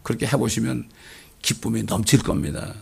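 A man preaching a fervent sermon as a pastor, swinging between loud exclamations and quiet asides. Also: fairly low pitch, lively intonation, normal speed, vocal fry, slightly rough.

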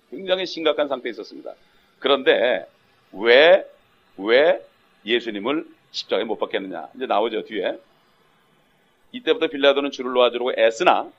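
A man's voice: on the high side, a bit bright, husky. A male pastor preaching a sermon emphatically, often breaking in with a questioning "eh?" to the congregation. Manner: emphatic, punctuates with rhetorical "eh?". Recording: dull lo-fi sound.

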